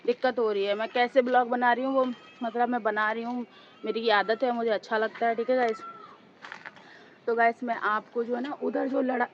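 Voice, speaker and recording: A woman vlogger with a hoarse, sore throat, chatting casually and rambling to her viewers as she records outdoors on a two-storey house with a handheld phone. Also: sits high, dull audio. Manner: rambling, talks straight to viewers as "guys".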